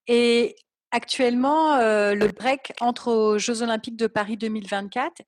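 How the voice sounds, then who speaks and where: A woman conducting an interview asks short, polite questions. Her voice sits slightly high. The sound is dry and close, with no room echo. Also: steady tone, measured pace.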